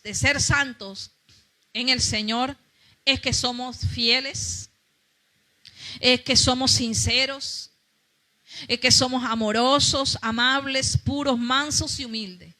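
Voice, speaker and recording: A woman's voice: high-pitched, steady tone, slow, long pauses, pushed and bright. A woman pastor preaching a fervent sermon, calling out to her congregation.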